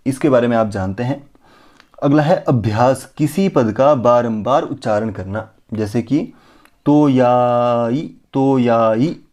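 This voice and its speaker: A man teaches an exam-prep lesson to a close mic, at a plain, middle pitch. He asks himself rhetorical questions and answers them right away. Now and then he slows down to draw out chanted syllables as examples. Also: darkish tone. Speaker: Sanskrit teacher.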